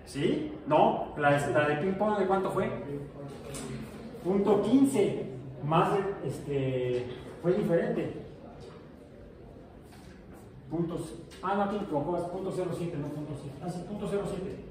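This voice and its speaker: Joking physics teacher in an echoey classroom. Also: male voice, high-pitched, lively intonation, slow pace, pauses often, darkish tone, a little hiss or hum. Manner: jokey, asks the class questions. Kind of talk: classroom lecture. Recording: echoey room, far from mic.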